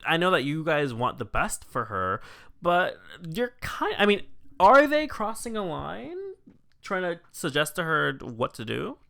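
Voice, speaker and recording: A young man in his twenties co-hosting a podcast, sassy and animated, full of slang and laughter. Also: on the high side, unhurried, vocal fry. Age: 20s. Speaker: podcast co-host. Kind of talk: casual chat.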